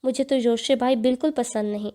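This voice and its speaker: A woman's voice: on the high side, fairly even intonation, mellow, natural voice. A woman voicing a cheeky teenage kid sister. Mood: pouting.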